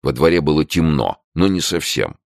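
A man narrating a first-person crime story as an audiobook, in a measured, dry storytelling manner. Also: extremely low pitch, sing-song, gravelly, no echo.

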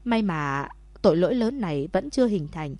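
A woman voicing a remorseful young husband who begs his wife loudly in a storybook. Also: fairly low pitch, lively intonation, moderate pace, no room sound, natural voice. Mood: coaxing. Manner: loud begging calls.

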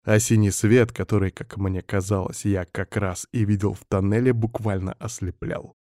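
A man reading a first-person story aloud in a steady, scripted audiobook narration. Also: lowish voice, normal speed, no echo, clean studio sound.

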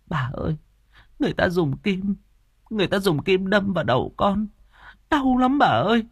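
A man voicing a terrified young woman who seems possessed, pleading in a high, trembling, hysterical voice in a storybook reading. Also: sing-song, brisk, pushed and bright, no echo, clean studio sound, heavily acted.

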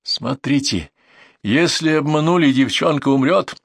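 A man voicing a shrill, hysterical cornered killer. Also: a little slow, vocal fry, breathy edge, no echo, full character voice. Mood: hysterical threats. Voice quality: high, shrill voice. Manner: screaming threats.

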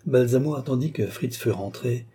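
A man narrating a classic novel as an audiobook in a measured, even way. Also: medium pitch, slightly rough.

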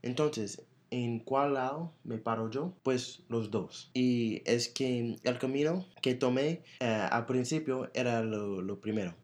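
A man with an American accent, a native English speaker, co-hosting a casual chat and often pausing to search for words. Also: medium pitch, darkish tone. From United States. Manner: hesitant, searching for words as a learner. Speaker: podcast co-host. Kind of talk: casual conversation.

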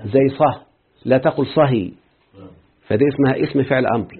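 A man teaching a grammar class in an Egyptian accent. He explains each point step by step and keeps asking his students whether they follow. His voice is husky and thin, heard through a tinny, phone-like recording. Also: medium pitch, a little fast. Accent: Egyptian Arabic.

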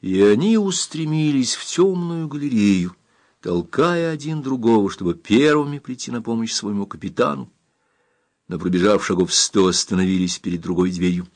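A man reading an adventure novel aloud in a steady, measured narration. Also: lowish voice. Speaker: audiobook narrator. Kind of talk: scripted narration.

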